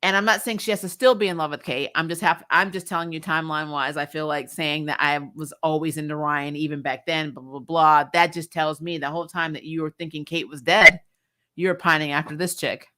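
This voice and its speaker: A woman with a low voice, pushed and bright, talks fairly quickly with fairly even intonation while hosting a recap stream. Her casual review chat is opinionated, blunt, sarcastic and emphatic, with free swearing and an exasperated air.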